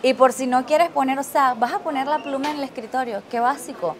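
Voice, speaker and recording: A woman giving casual vlog commentary as she shops for capsule toys in a busy Japanese toy shop. She is chatty and excitable and laughs often. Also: sits high, fairly quick, a crowd in the background. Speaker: travel vlogger. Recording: noisy shop ambience.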